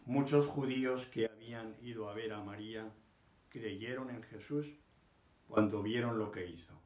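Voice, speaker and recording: An older man reading scripture aloud from a book in a living room, measured and emphatic. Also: fairly low pitch, steady tone, darkish tone, roomy sound. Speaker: scripture reader. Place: living room, seated on a sofa.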